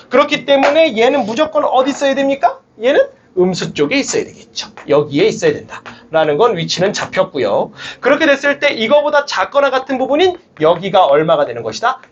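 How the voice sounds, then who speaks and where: Through a speaker-amplified mic, a young man with a high-sitting voice lectures his math academy class fairly quickly and with few pauses, coaxing and rallying students with lively shouts. The audio is dull, with slight background noise.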